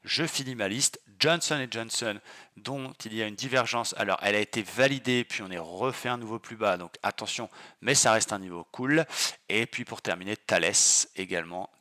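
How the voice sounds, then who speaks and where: A man's voice: fairly low pitch, moderate pace, bright, forceful tone. A man hosting his trading channel, talking through stock charts casually and eagerly, with many fillers. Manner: enthusiastic, exclamatory, many fillers.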